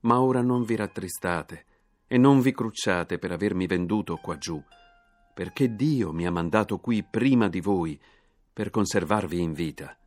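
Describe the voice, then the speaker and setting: Low-voiced noble ruler, read by a man, solemn and lifting. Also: measured pace. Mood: moved. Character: grieving noble man, ruler revealing himself. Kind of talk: scripted reading.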